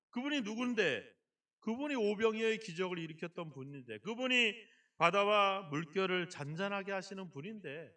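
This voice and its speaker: A male pastor preaches in a high, ringing voice, acting out scenes and firing questions at the congregation. The sound comes from a church sanctuary, with the voice a little distant from the mic. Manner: lively preaching that acts out quotes and often asks the congregation questions. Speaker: senior pastor. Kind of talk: sermon.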